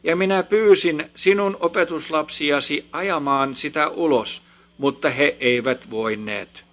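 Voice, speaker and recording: A man's voice: on the high side, fairly bright tone, close to an everyday voice. A man reading the part of a father begging for his sick son, earnest and imploring. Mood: pleading. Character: pleading father of a sick boy.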